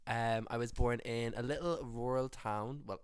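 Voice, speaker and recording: A man's voice: mid-range voice, fairly even intonation, moderate pace, clean tone, no echo, clean studio sound. A young adult man with an Irish accent, a musician and teacher chatting in an interview, jokey and full of "like". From Ireland. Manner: chatty, jokey, heavy use of "like". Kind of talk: casual interview chat.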